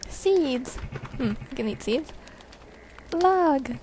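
A woman's voice: sits high, animated, very slow, a little hiss or hum. A woman giving casual gameplay commentary at home, talking to herself with bemused exclamations. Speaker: let's play gamer. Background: loud game music.

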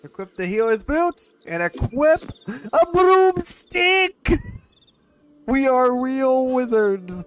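High-voiced man playing a game. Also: expressive, a little slow, few pauses, darkish tone. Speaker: gamer narrating play. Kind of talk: casual game commentary. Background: game music.

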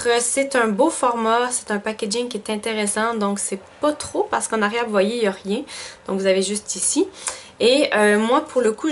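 A woman with a Quebec French accent chatting casually through a beauty box unboxing, thinking aloud with lots of fillers. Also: a little high. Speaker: beauty vlogger.

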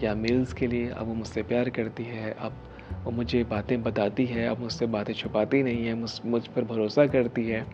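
A man in his thirties, a spiritual healer hosting a video, earnestly explains a method to camera on a studio set with a dark curtain and a statue. His mid-range voice is flat and moderately paced, rising for emphasis on key phrases and dropping to whispers, in audio with cut-off highs and background noise.

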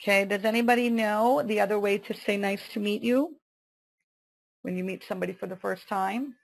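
A woman teaching an online English lesson, saying vocabulary slowly and carefully and saying "okay" often. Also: mid-range voice, fairly even intonation, gravelly. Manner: slow, careful pronunciation drills with many "okay"s.

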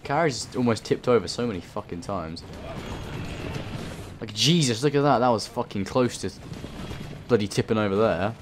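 Swearing, rambling lower-voiced gamer. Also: male voice, animated, moderate pace, pauses often, music in the background. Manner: swearing, rambling, self-talking. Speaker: let's play host. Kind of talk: gameplay commentary. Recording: voice under game noise.

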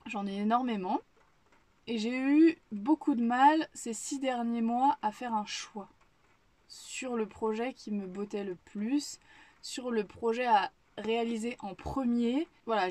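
A woman's voice: fairly high pitch, unhurried, darkish tone, dry recording. Rambling young French woman vlogging at home. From Paris region, France. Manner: rambling, thinking aloud with many restarts. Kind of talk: casual chat to camera. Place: home kitchen, indoors.

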